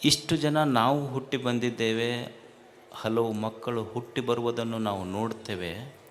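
Slow, emphatic preacher. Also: male voice, mid-range voice, steady tone, slight background noise. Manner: slow, repeating lines for stress, rising to loud emphatic questions. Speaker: swami giving a spiritual discourse. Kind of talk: sermon to a crowd.

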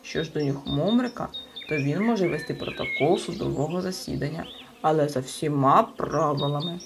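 A woman's voice: deep voice, moderate pace, vocal fry, noisy background. A woman voicing a stern, self-important male storybook creature who acts as a judge, speaking in a clipped, officious way.

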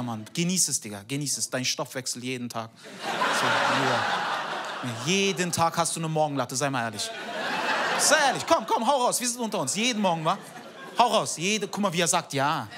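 A male stand-up comedian, teasing the audience in brash, slangy crowd work. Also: high voice. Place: stage in front of a live audience. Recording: live club audience laughter and noise.

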